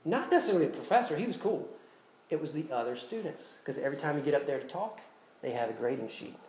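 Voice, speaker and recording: Very animated and quick, a man with a high, slightly mellow voice and a Southern US accent preaches as pastor, keeping it conversational and self-deprecating while repeating key phrases. The room is echoey with faint ambience.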